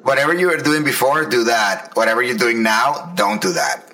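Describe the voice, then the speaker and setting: A man's voice: medium pitch, normal speed, sharp tone, poor audio. A man in his early forties telling stories in a casual, slangy, profane way as a podcast host. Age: early 40s. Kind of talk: casual anecdotal storytelling.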